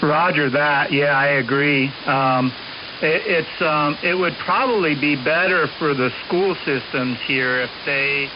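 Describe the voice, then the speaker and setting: Over a hissy, muffled shortwave transmission, a man with a slightly high voice makes casual radio contact as a ham operator. He speaks unhurriedly and ends each turn by saying "over."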